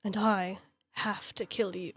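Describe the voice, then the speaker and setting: A woman doing a bitter gravelly clone soldier. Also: little pitch movement, a little slow, no room sound, clean studio sound. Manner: tries a gravelly low voice, slips into whispers.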